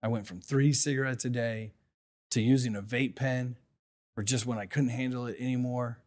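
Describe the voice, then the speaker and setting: A man's voice: mid-range voice, steady tone, normal speed, a little mellow. Male podcast host, middle-aged, solo motivational talk, reflective, rhetorical questions, mid-range voice. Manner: reflective, asks rhetorical questions, talks from personal experience.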